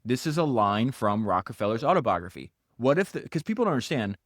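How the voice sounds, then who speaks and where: A man narrates a founder's biography on his podcast, speeding up in excited bursts and slipping into the voices of the people he quotes. He stammers and restarts as he goes. The sound is dry and close, with no room echo. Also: mid-range voice, fast talker. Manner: animated, acts out quotes in character. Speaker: podcast host.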